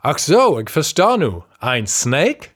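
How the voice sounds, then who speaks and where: A woman voicing a calm German-American man who mixes English into Low German, speaking with an English accent. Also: slow, husky, heavily acted. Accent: English-tinged Low German.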